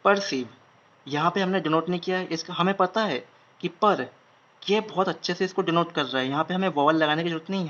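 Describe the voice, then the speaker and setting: Male shorthand tutor, slow and repetitive, slightly high voice, dull lo-fi sound. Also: fairly bright tone. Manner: slow, repeats each word several times while writing. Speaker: shorthand instructor. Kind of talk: online lesson. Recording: dull lo-fi recording.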